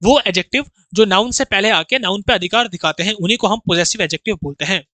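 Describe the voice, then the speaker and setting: A man teaches an exam-prep grammar lesson in a bright, sharp voice, recorded close and dry with no room sound. He keeps asking his students rhetorical questions and repeats each point. He talks to them familiarly as brothers and acts out their doubts. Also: high-pitched, fast, no echo. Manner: explains through rhetorical questions and repetition.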